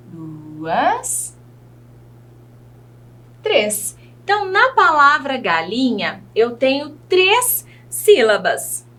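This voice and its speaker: A Brazilian woman teacher giving a children's video lesson, speaking in a slow, teacherly way and asking the children questions. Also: a little high, bright, forceful tone. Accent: Brazilian Portuguese. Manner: slow, sing-song teacherly delivery, asks children questions.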